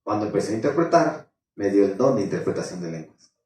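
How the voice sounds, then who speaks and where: A male pastor giving an animated sermon testimony, quoting his own prayers as he tells the story. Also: fairly low pitch, quick pace, slight background noise. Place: church. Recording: echoey church hall, distant mic.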